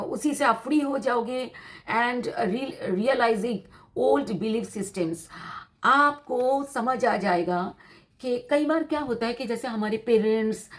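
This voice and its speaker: A woman giving a tarot reading to her viewers in a teacherly, explanatory way, repeating her points and mixing in English terms. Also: on the high side. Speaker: tarot reader.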